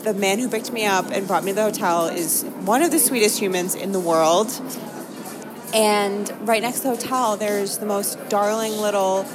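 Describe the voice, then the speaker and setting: An upbeat American woman from Maine narrates a travel vlog at a moderate pace in a mid-range voice. Music sits under her enthusiastic narration.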